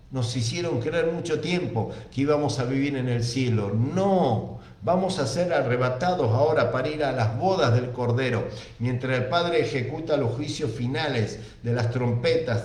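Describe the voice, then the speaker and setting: A man's voice: mid-range voice, a little mellow, echoey room. A man with an Argentine accent preaching a sermon, reading scripture aloud and repeating key phrases for emphasis. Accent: Argentine Spanish.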